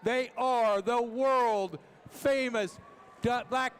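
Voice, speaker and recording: A man making halftime announcements over a PA system in a gym, calling people to the court and introducing the dancers in a drawn-out announcer delivery. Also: very high voice, clean tone. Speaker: arena PA announcer. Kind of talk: halftime public address announcement.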